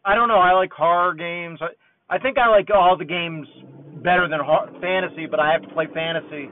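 A man calling in a voice message from his car over a low-quality hands-free phone line, chatting in a relaxed, rambling way. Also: brisk, no room sound. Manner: relaxed and chatty, thinks aloud. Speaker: caller leaving a voice message. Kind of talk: casual rambling chat. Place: driving in a car. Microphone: car hands-free phone mic.

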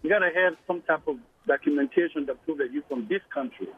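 A man's voice: on the high side, fast talker. A man calling in to a radio show, explaining his point methodically. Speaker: caller. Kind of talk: call-in radio talk. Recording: tinny phone line.

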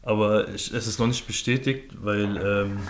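A man co-hosting a casual podcast, speaking in a relaxed, hesitant way with fillers. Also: fairly low pitch, moderate pace, roomy sound. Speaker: podcast co-host. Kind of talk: casual chat among friends.

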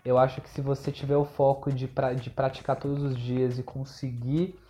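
Guy cohost, chill and encouraging, mellow voice. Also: mid-range voice, normal speed. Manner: relaxed, encouraging, agreeable. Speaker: podcast co-host, English teacher. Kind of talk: casual podcast chat.

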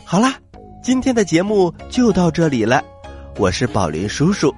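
A man's voice: on the high side, huge pitch swings, normal speed, darkish tone. A man hosting a children's story show, telling tales in a dramatic style. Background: faint music.

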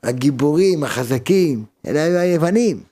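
A rabbi preaches to his listeners in a voice pitched a bit high for a man. He is emphatic and fires off rhetorical questions. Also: lively intonation, warm tone. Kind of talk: sermon.

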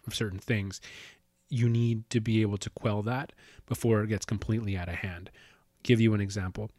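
A man's voice: lowish voice, darkish tone, no echo, studio quality. A man telling stories in a casual, rambling way, with lots of restarts and casual swearing. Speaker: podcast host. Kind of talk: casual storytelling.

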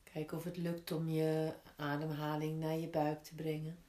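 Female yoga teacher, lowish voice, very slow and gentle guided instruction, roomy echo. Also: completely flat delivery. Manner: gentle, unhurried step-by-step guiding with pauses. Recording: roomy, echoing indoor sound.

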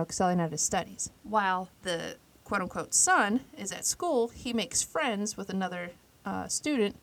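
A woman's voice: medium pitch, a little hiss or hum. Chatty woman retelling a story. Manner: animated retelling with acted-out quotes. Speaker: podcast co-host. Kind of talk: casual storytelling chat.

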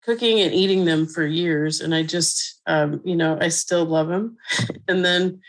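A middle-aged woman from Colorado, a mushroom expert guest, chatting in a relaxed way with lots of fillers and frequent laughter. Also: lowish voice, measured pace, low-quality recording. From Colorado, USA. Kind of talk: casual interview conversation.

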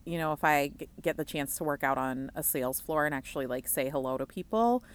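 A young woman co-hosting a casual chat, animated and laughing often as she acts out quoted lines. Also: sits low, a little fast, clean tone. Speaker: podcast co-host.

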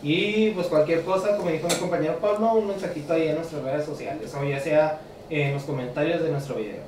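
A man with a Mexican accent, co-hosting a podcast and retelling a dream in slangy, animated chat. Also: on the high side, a little fast. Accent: Mexican Spanish. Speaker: podcast co-host. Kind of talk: casual chat among friends. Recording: echoey room, distant mic, faint hiss.

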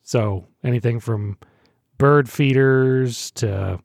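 A man's voice: medium pitch, slow pace, vocal fry, darkish tone, dry recording, clean studio sound. A young man co-hosting a casual podcast, teasing his co-host and laughing often.

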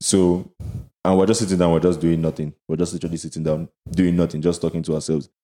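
A young man with a Nigerian accent co-hosts a casual chat from the couch. His voice is deep and dark. He banters in slang, often circling back to repeat a phrase. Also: level tone, fast. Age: young adult. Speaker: podcast co-host. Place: home studio, seated on a couch.

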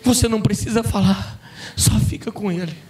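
A male pastor preaching a fervent sermon, breaking into shouts. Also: sits high, fairly even intonation, moderate pace, far from the mic. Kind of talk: impassioned sermon. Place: church conference hall.

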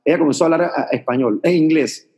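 Man, Panamanian Spanish accent, actor explaining voice work, animated, fairly high pitch. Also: fast talker. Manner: animated, demonstrates sounds and accents. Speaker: actor and voice coach guest. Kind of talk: casual chat, explaining voice technique.

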